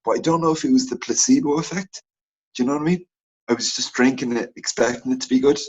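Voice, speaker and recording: Husky man telling a rambling story. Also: medium pitch, quick pace, lo-fi sound. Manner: animated, rambling anecdote-telling. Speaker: podcast co-host. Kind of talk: casual sports podcast chat.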